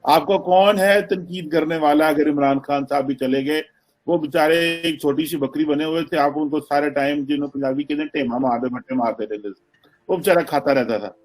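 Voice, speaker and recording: A man on a political talk show putting pointed, teasing questions to the host in an animated way. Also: fairly high pitch, moderate pace. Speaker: panelist.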